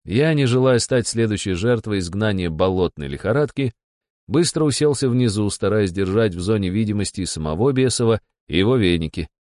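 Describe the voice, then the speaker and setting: A man narrating a first-person story with a steady, wry delivery. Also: on the low side, brisk, dry recording, studio quality.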